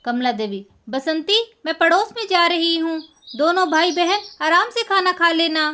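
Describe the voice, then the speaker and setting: Woman playing a busy mum hurrying the kids, motherly, very high, bright. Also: animated, heavily acted. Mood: hurried. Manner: hurried and motherly. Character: busy village mother of two children. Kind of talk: storybook voice acting.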